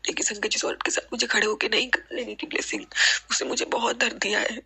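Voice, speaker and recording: A woman's voice: fairly high pitch, fairly even intonation, quick pace, sharp tone, breathy edge. A woman giving an emotional, tearful devotional testimony, earnestly addressing her listeners again and again. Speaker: devotional satsang speaker.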